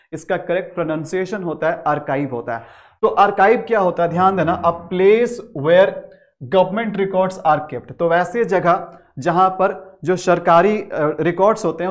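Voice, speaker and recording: A man teaching English vocabulary, mixing Hindi with English words, often asking questions and answering them himself. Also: high-pitched. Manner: repetitive, asks the class questions and answers them; reads English definitions slowly and deliberately. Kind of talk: explanatory lesson.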